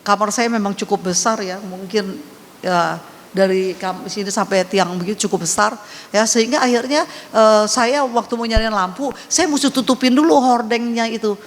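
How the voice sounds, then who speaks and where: A woman's voice: medium pitch, moderate pace, a little hiss or hum. An older woman pastor giving a sermon testimony, telling her story in a conversational, emphatic way with many repetitions. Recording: long hall reverb.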